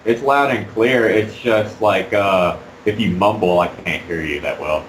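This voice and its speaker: A man being interviewed about fursuiting while wearing a fursuit head, talking in a halting, rambling way with many fillers. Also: fairly low pitch, roomy sound, slight background noise, poor audio. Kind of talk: casual interview.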